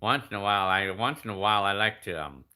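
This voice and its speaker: A man's voice: lowish voice, expressive, fast, pushed and bright. A fifty-year-old man chatting casually as he reads out viewer comments, rambling with many restarts and fillers. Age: 50s. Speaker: YouTube creator answering comments.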